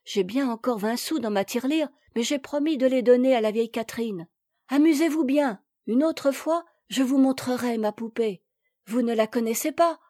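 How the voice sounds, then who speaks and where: A woman's voice: a little high, normal speed, warm tone, no room sound, clean studio sound, natural voice. A woman reader voicing a kind, chattering little rich girl in a storybook. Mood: eager.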